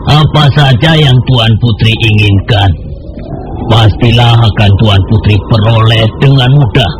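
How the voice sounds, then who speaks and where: A man's voice: medium pitch, a little slow, natural voice. Man acting coaxing royal soldier, noisy recording. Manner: deferential, persuasive. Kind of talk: Indonesian radio drama acting. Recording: noisy radio drama recording.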